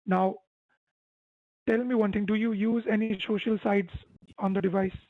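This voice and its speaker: Over a phone call with music behind it, a dry-sounding tech support scammer instructs the listener and repeatedly seeks agreement in persuasive, scripted-sounding talk. The voice is medium-pitched and steady at a normal speed, with phone-quality sound and no echo.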